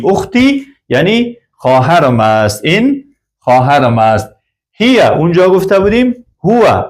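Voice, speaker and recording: A male teacher, his voice sitting a little high and swinging up and down a lot as he talks. He goes slowly and says each new word twice over, walking beginners through a classroom lesson. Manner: slow and repetitive, saying each word twice. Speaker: Arabic teacher. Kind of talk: classroom lesson explaining vocabulary.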